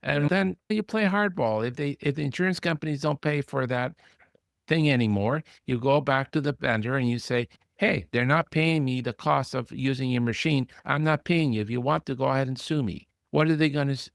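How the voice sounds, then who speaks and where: A blunt physician host with a gravelly, mid-range voice, speaking in a casual podcast chat. He now and then mimics other people in a high, whiny voice, and his words land dry and close to the mic. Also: a little fast, dry recording.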